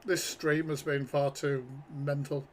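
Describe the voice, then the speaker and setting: A man's voice: on the high side, flat delivery, measured pace, slight background noise. A man hosting a casual live reaction stream from home, sweary and chatty, wearing headphones. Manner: sweary, chatty, mock-exasperated. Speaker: livestream reaction host. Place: home, talking to his pet.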